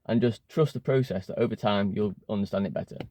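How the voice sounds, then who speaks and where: Fairly low and mellow, this young man's English-accented voice moves fast, with a little hiss or hum in the background. Sitting in his car, the language learning vlogger chats to camera on his phone in a rambling way, full of fillers and frequent restarts.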